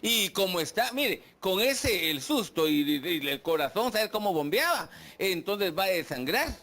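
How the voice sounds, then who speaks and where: Pastor in church, high lively voice, animated sermon, keeps asking the crowd stuff. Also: male voice, normal speed. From Guatemala. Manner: animated preaching, asks the congregation questions, acts out complaints.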